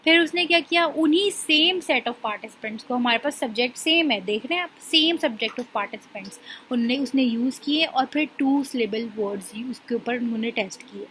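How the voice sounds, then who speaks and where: A young woman walks through an assignment solution, explaining quickly and reading English definitions out slowly. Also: high-pitched, fairly bright tone, slight background noise, low-quality recording. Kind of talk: casual tutorial walkthrough.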